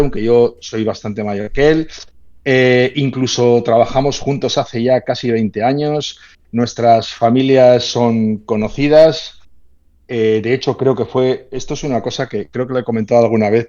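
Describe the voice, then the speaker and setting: A man's voice: mid-range voice, fairly even intonation, a little slow, warm tone. Hesitant man hosting, dull lo-fi sound. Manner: hesitant, many fillers and restarts. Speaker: host. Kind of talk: casual interview.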